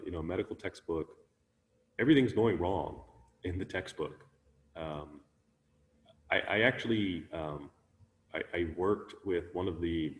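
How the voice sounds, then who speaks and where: A man giving a relaxed, conversational Buddhist teaching online, musing aloud with many ums and restarts. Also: low-pitched, long reverb tail, slight background noise. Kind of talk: conversational dharma talk. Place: online talk, sharing his screen.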